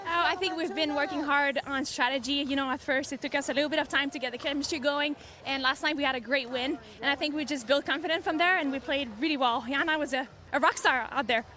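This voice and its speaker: Quick, bright-voiced woman player. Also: sits high. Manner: quick, upbeat, praising teammate. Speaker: professional player. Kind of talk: post-match interview.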